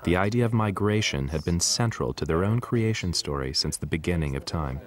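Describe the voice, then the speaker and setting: A man presenting and narrating a documentary in a measured, earnest way. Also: low-pitched, animated. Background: music.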